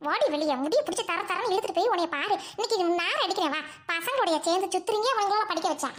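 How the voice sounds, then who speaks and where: A woman's voice: very high voice, expressive, rapid-fire, a bit bright. A woman voicing a furious village mother who scolds hard and hurls insults in an audio drama. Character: furious rich village mother, harsh and scornful.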